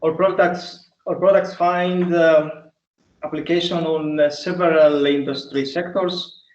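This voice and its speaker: Male application engineer presenting over a video call; polite and halting, in a roomy, muffled room sound. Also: fairly high pitch, steady tone, distant mic. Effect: video call audio.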